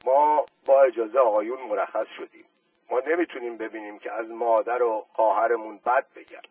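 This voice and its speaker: A humble, overly formal suitor, as a male reader plays him, earnest and deferential, with a husky edge. The recording is dry and the mic sits slightly distant. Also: mid-range voice, steady tone, a little mellow, no echo, natural voice.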